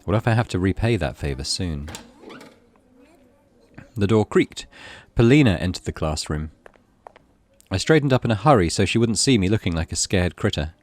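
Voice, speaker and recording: A gaming channel host reads a horror visual novel aloud as dramatic, scripted narration, making it theatrical and suspenseful. His voice is deep and somewhat dark, animated, at a normal speed with frequent pauses.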